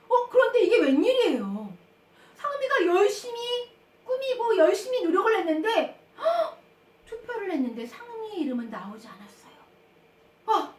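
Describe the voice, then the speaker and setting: A woman teaching a Sunday school class for children, telling stories in an animated, sing-song way. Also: very high-pitched. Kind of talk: children's sermon. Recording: echoey room, far from the mic.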